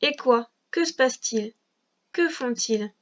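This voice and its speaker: A woman's voice: a little high, expressive, measured pace, a bit bright, dull audio. A woman teacher guiding a young child through a reading lesson at a patient, carefully articulated pace. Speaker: first-grade teacher.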